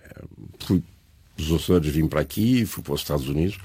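A man's voice: very deep voice, brisk, warm tone, husky, no room sound. An older man from São Miguel, an interview guest telling stories and musing, drifting off into history and geography as he talks. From Azores, São Miguel. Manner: digressive, reflective, lecturing. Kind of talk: conversational storytelling interview.

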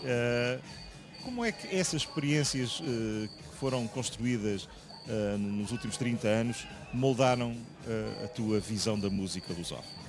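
A man with a European Portuguese accent interviewing a singer in a dressing room, pausing often and restarting his questions. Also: medium pitch, music in the background. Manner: hesitant, many fillers and restarts.

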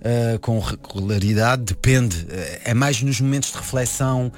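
A film director born and raised in France speaks Portuguese in a conversational interview. His mid-range voice goes at normal speed, but he's hesitant, with many restarts and repeated words.

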